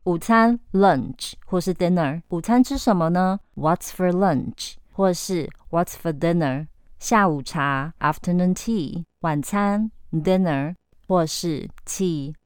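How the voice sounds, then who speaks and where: Woman doing a scripted english lesson, smooth clear voice, says each phrase slowly, dry close mic. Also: lowish voice, no echo. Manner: slow, careful modelling of English phrases. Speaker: English teacher.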